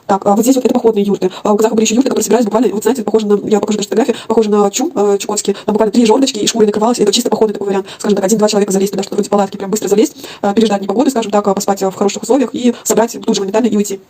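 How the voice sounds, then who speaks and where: Fast-talking lisping woman, slushy sibilants. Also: medium pitch, fairly even intonation. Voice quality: slushy lisp from a broken tooth; quiet, husky voice. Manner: halting, thinking aloud with self-corrections. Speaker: online lecturer. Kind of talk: informal lecture, explaining pictures.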